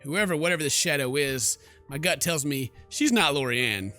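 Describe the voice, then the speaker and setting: A man hosts a let's play, reading the game's narration theatrically and cutting in with slangy jokes over game music. His voice is on the high side, animated, at normal speed, pushed and bright.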